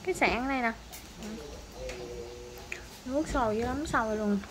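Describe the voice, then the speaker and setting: A woman's voice: fairly high pitch, normal speed, background noise. A woman with a Southern Vietnamese accent, chatting playfully through a home cooking vlog in a country kitchen. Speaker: vlogger. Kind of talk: casual cooking vlog chat. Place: rural home kitchen with wood stove.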